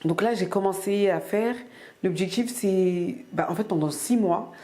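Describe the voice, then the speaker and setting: A woman's voice: mid-range voice, unhurried, mellow. A woman from France chatting casually to camera in her weekly vlog, rambling with many fillers and restarts. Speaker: vlogger.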